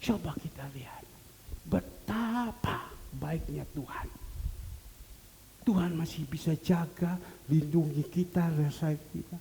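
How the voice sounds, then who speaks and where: A middle-aged male pastor preaching a sermon, emphatic and dropping at times to a hushed whisper. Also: on the high side, slow, creaky. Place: church hall. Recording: echoey church hall with faint hiss.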